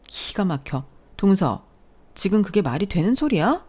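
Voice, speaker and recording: A woman's voice: mid-range voice, sing-song, moderate pace, a little mellow, husky, voice pushed up. A woman voicing a self-serving elder sister-in-law who reacts with indignant protests in a story reading.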